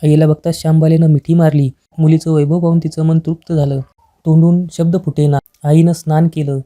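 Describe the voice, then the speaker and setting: Flat, dark-voiced woman telling a devotional tale. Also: sits low, fairly quick. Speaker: storyteller. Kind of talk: scripted devotional story narration.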